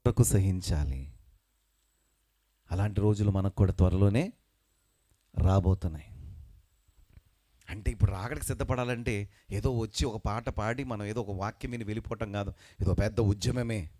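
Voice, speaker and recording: A male pastor preaching a sermon with emphasis, calling on the congregation to answer back and reading scripture slowly. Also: fairly low pitch, warm tone. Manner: emphatic preaching with call-and-response; slows and lifts voice when reading scripture. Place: religious meeting.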